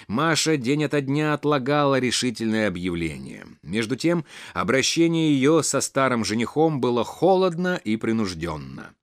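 Expressive male audiobook narrator. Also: mid-range voice, no echo, clean studio sound. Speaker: audiobook reader. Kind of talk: scripted narration of a classic novel.

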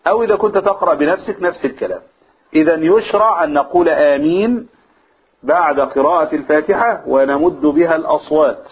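A man's voice: a little high, quick pace. A man with an Egyptian Arabic accent teaching a religious lesson to a group. He asks the room questions and answers them himself, and he draws out vowels to demonstrate recitation. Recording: husky, phone-like lo-fi recording.

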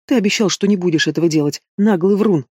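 A fiery, sharp-tongued young queen who snaps and growls her lines, as a man reading a storybook puts her on. The voice is pitched up. The recording is dry and close. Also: fast talker, husky, no room sound. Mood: snapping. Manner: snappish, growling.

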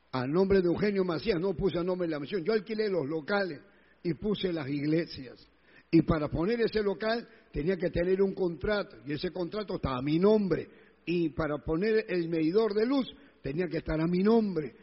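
A man preaching a sermon, his voice high-pitched and a little husky. He hammers each point home by repeating his phrases. The recording is dull and lo-fi, with long church-hall reverb. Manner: emphatic, repeats phrases, acts out quoted voices. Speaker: pastor.

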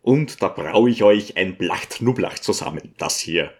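A man's voice: lowish voice, lively intonation, unhurried. A man voicing a pushy, scheming male guest who talks brusquely and insistently.

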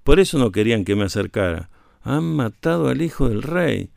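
A man reading aloud, voicing an insistent male slave in a storybook tale, pitching up to plead and accuse. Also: expressive, moderate pace, vocal fry, darkish tone, no room sound, clean studio sound. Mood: accusing. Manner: insistent, raised voice.

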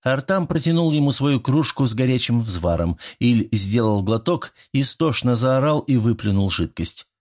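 A man narrating an audiobook in a steady, even reading voice. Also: mid-range voice, moderate pace, few pauses. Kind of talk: scripted narration.

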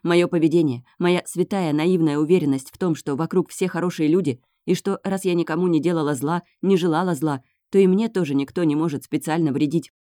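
A woman's voice: sits low, fairly quick, few pauses, mellow, dry recording, studio quality. Woman reading a tense first-person novel. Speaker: audiobook narrator.

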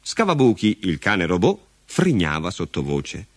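A man narrating a children's story with an expressive, dramatic reading. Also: low voice, a little slow, no echo. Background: music.

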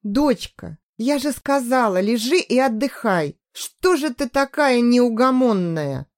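Woman doing a gentle, soothing woman doctor. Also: a little high, lively intonation, slow pace, voice pushed up. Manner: soft, soothing, coaxing. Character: gentle middle-aged woman doctor, fellow captive.

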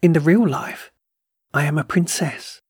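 A man reading the lines of a young girl who speaks with quiet dignity and a profound air. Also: fairly high pitch, measured pace, breathy edge, no echo, clean studio sound. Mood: dignified.

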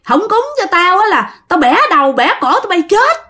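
A woman with a Southern Vietnamese accent voicing a bitter, vengeful female ghost who scolds in a raised, shrill voice. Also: big pitch swings, a little fast, bright, forceful tone, heavily acted. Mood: menacing.

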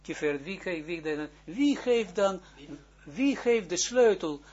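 A rabbi gives a lecture in a husky, slightly high voice, captured on a dull, lo-fi recording. He speaks haltingly, restarting phrases and searching for words. He keeps checking whether it is clear and pushes his points with rhetorical questions. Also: expressive, a little mellow. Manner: rhetorical questions, rising into emphatic bursts. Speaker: rabbi teaching Kabbalah.

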